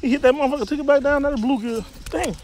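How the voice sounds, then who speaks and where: A man in his thirties vlogging while fishing off a riverbank, loud and laughing, swearing a lot, recorded on a phone camera outdoors. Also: very high voice, rapid-fire. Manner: loud, laughing, profane hype talk. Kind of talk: casual fishing vlog banter. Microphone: phone camera held or propped nearby.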